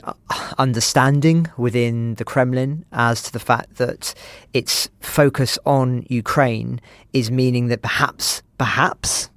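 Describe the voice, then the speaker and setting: A man's voice: mid-range voice, no echo. A man speaking as a podcast commentator, reflective and analytical. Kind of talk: podcast discussion.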